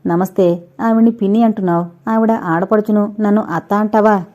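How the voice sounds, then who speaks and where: A woman's voice: mid-range voice, fairly even intonation, normal speed, warm tone, lo-fi sound, lightly acted. A woman doing a brash, boastful middle-aged clerk.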